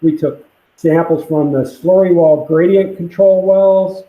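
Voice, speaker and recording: A man's voice: sits high, fairly even intonation, unhurried. A man giving a plain, matter-of-fact technical briefing on a call, his voice muffled as if talking through a pipe from a computer mic. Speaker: site presenter at a public conference call. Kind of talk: technical briefing reading from a permit. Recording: echoey, muffled call audio.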